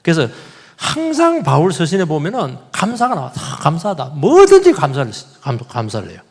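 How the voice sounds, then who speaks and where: A male pastor preaching a sermon in a church, animated, repeating key words and putting questions to the congregation. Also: fairly high pitch, a little fast, vocal fry, husky, big-room sound. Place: church sanctuary.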